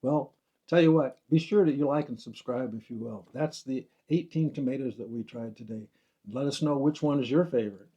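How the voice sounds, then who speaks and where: A man's voice: medium pitch, a little fast, warm tone, husky. A middle-aged man hosting a gardening video, chatting casually and sometimes stumbling over his words. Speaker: gardening channel host. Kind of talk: casual chat.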